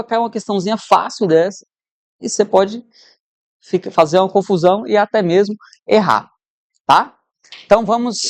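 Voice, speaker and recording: A woman's voice: mid-range voice, darkish tone, dry recording. A woman teacher giving an exam-prep lesson, conversational, who keeps checking in with her students.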